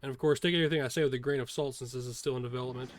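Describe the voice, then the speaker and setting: A man's voice: medium pitch, steady tone, very fast. A man giving casual, informal first-impressions commentary as a streamer, talking in a hesitant way. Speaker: video host, streamer reacting to a game trailer.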